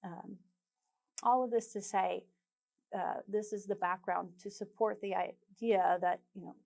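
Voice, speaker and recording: A woman presenting at a technical conference in a relaxed way, often pausing on fillers and dropping in light jokes. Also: medium pitch, creaky.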